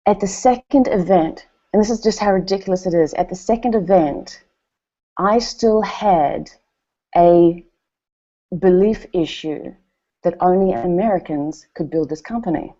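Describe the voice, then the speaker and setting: A New Zealand woman with a New Zealand accent delivers a motivational speech at a company event, her voice on the low side and unhurried. She tells animated stories and acts out what other people said. The audio sounds dull.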